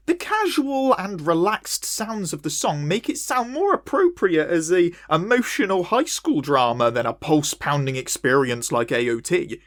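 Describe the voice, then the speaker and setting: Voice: mid-range voice, moderate pace, hardly any pauses, no room sound, studio quality. A performer voicing a dorky little male puppet who reviews anime, speaking with a West Country accent in a jokey, self-mocking way. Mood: lively. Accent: West Country English. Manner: wildly swooping, animated delivery. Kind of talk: comedic video review.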